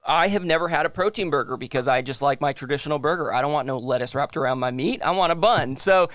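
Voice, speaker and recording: A young man in easy podcast chat, his voice sitting a touch high. He rambles, catches his own slips and laughs along the way. The sound is dry and close, with no room around it. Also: quick pace, a bit bright, no echo. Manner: rambling, self-correcting, laughs often. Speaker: podcast co-host. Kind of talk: casual chat.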